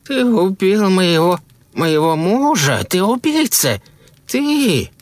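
A man voicing a deranged, infected woman who talks in slow, wailing, unhinged outbursts. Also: medium pitch, big pitch swings, a bit bright, dry recording, pitched above the performer's own voice. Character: deranged infected woman, confused then murderous.

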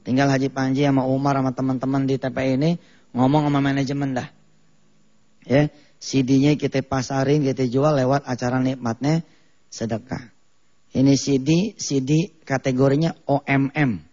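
Husky-voiced man preaching in a mosque. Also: medium pitch, warm tone. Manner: jokey, mimics regional accents. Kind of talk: lively mosque sermon for TV. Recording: dull muffled TV broadcast audio.

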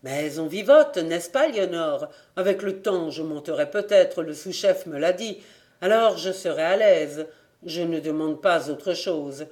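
A defensive young man who has left the family farm, voiced by a male audiobook reader. He talks evasively and a bit sheepishly, in a light, fairly high male voice. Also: measured pace, darkish tone, lightly acted. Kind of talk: audiobook character reading.

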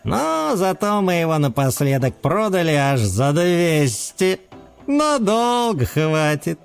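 Storybook frog trader, man voicing: high, gleeful, rattling. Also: very animated, takes it slowly, creaky, smooth, faint music behind, exaggerated voice. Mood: blissful. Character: excitable male frog auctioneer.

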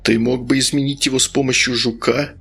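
A man's voice: mid-range voice, level tone, a little fast, gravelly, a bit bright, breathy edge. A man voicing a timid, ashamed young man who falters and refuses in an audiobook. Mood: hesitant.

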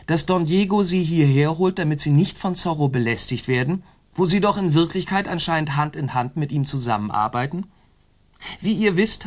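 In a German radio drama, an actor plays a scheming officer reporting to his superior, deferential on the surface but sly and insinuating underneath. His natural voice sits on the high side.

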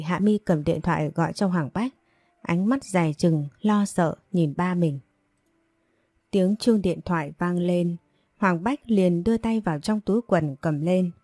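A woman narrating a scripted audio story in a calm, even reading voice. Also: on the low side, measured pace, no echo.

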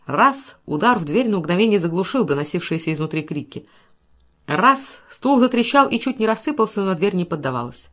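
Brief: female audiobook narrator, expressive, dramatic delivery of classic fiction. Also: fairly low pitch, quick pace, few pauses.

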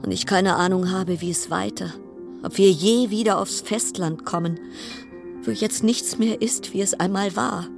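Over music, a woman with a mid-range voice speaks at a measured pace with some vocal fry. She's an actress in a radio drama, voicing a weary, wry, anxious passenger stuck on a plague-stricken cruise ship, recounting her story in literary, broken-off sentences. The mood is confiding and uneasy.

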